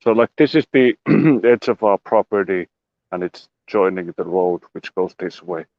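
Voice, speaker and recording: A man's voice: deep voice, lively intonation, unhurried, dry recording. Rambling man on a lo-fi phone. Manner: rambling, jokey, with playful sound effects. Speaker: show regular giving a homestead tour. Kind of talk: casual livestream walking tour. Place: outdoors on a rural property.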